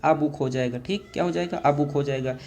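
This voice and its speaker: With a little hiss or hum in the recording, a man whose voice is slightly high and darkish gives an exam grammar lesson. He calls the class dear children, answers his own steady stream of questions, and draws English words out slowly.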